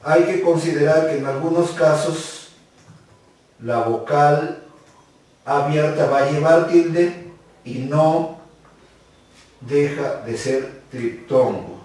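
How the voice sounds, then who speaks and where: A man teaching a grammar lesson, speaking slowly and deliberately and repeating words for dictation. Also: on the high side, a little mellow. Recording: very echoey, distant mic.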